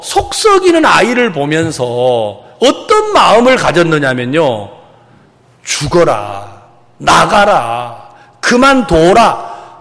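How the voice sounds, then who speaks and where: Middle-aged pastor guy preaching, high voice, jumps from loud bursts to quiet asides, echoey hall. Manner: animated storytelling, swinging between loud outbursts and hushed asides. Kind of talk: sermon.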